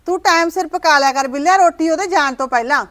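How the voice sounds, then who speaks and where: Woman playing a nagging mother-in-law, high voice, quick scolding, short-film drama. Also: a bit bright.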